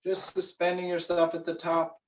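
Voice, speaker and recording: Man guiding a meditation in a roomy space. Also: sits high. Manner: slow, relaxed instructions with frequent fillers. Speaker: meditation instructor. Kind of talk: guided meditation and stretching. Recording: roomy, distant, dull recording.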